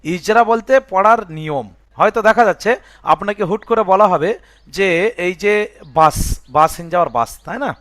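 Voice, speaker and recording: A man's voice: sits high, moderate pace, pauses often, fairly bright tone, dry recording. A man teaching Quran reading, spelling out words letter by letter and checking that the student follows. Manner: breaks words into letters and vowel marks, checks "বুঝে আসছে?". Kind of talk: spelling-out recitation lesson.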